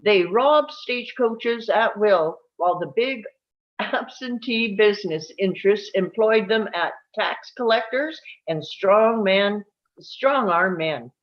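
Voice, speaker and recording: Reading scripted narration aloud at a live table read, a woman speaks slowly and expressively at medium pitch, telling it as a story. Now and then she stumbles over a word, and the audio has a dull, lo-fi quality.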